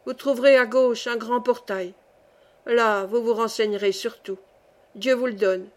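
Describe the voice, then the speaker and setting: A woman's voice: fairly high pitch, steady tone, unhurried, close to an everyday voice. A woman voicing a grand male angel who keeps a ledger, speaking formally and asking pointed questions. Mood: solemn.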